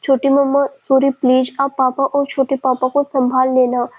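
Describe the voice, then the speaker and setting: A woman's voice: sits high, completely flat delivery, normal speed, narrow, tinny audio. A woman voicing a young woman, an innocent, coaxing daughter, in a storybook reading. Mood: pleading.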